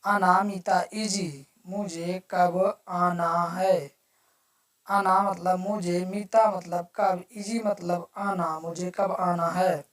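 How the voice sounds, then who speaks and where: Slow, patient woman teaching phrases. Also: fairly low pitch, fairly even intonation. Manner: repeats each phrase and glosses it word by word. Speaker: language teacher. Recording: voice distant from the mic.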